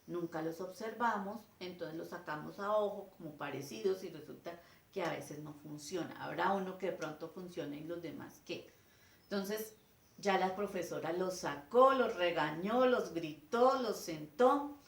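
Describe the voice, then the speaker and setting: Her pitch fairly low and her pace measured, a woman teacher with vocal fry lectures in an echoey room. She acts out exchanges between a teacher and her pupils with animation, shifting voices for each character.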